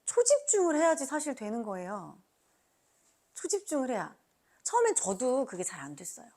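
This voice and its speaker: Female seminar trainer: urging motivational delivery, highly animated swings in pitch, punchy questions to the audience. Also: normal speed. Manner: emphatic, urging, asks the listeners frequent rhetorical questions; acts out quoted remarks. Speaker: motivational speaker training business team members. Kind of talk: motivational business seminar talk.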